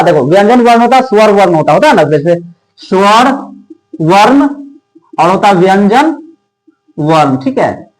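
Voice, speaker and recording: Man teacher, high voice, drills exam grammar, keeps checking "theek hai" and firing quiz questions. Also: poor audio. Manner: repeats "theek hai" often and quizzes the listener with rhetorical questions. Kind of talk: exam-prep grammar lesson.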